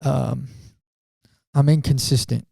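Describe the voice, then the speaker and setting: Halting, mellow-voiced male podcast co-host. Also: medium pitch, fairly even intonation, gravelly, dry recording, clean studio sound. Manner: halting, many fillers and restarts. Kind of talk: casual theology discussion.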